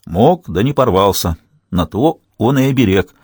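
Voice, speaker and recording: A man playing a stubborn, steady soldier, calm and plain-spoken, in his own mid-range voice with a lively lilt. Dry, close storybook reading. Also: on the low side, moderate pace, husky, no echo.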